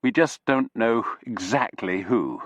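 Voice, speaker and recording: A man doing a slow-spoken Corsican businessman. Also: medium pitch, lively intonation, a bit bright, no echo. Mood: measured. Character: Corsican businessman in his fifties, measured.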